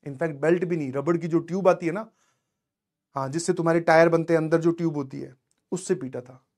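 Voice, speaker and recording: A man's voice: fairly high pitch, fairly even intonation, brisk, darkish tone. A young adult man, a teacher giving a motivational talk to his students in a conversational way, often checking that they have understood.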